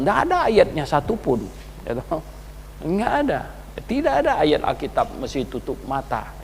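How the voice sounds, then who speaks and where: A man's voice: a little high, long reverb tail, slight background noise. An older man, a pastor preaching a sermon at a prayer meeting in a casual, conversational way with chuckling asides. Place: church prayer meeting hall.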